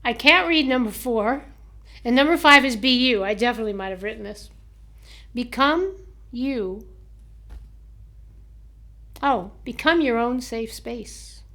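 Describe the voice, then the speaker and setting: Chatty American woman with a high voice. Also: animated, pushed and bright. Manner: chatty, laughs at herself, reads aloud haltingly. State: slightly sore throat. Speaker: host of a book review show. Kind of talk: casual chat reading from books and notes.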